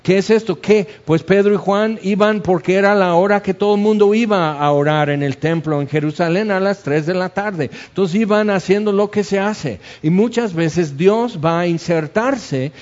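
Conversational preacher, lo-fi. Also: male voice, high-pitched, moderate pace, few pauses, darkish tone. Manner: conversational, restarts words, acts out quotes. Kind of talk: expository sermon. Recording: dull lo-fi recording.

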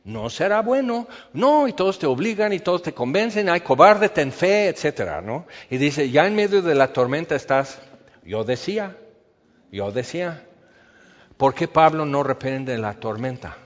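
Preacher, man, animated sermon with acted-out quotes; lo-fi, hall reverb. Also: fairly high pitch, moderate pace. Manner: animated, acts out quoted voices, rhetorical questions. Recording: lo-fi echoey hall.

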